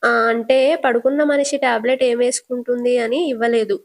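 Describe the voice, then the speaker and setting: A woman's voice: on the high side, steady tone, moderate pace, natural voice. A woman voicing a middle-aged aunt making excuses and placating. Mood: evasive. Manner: evasive, placating.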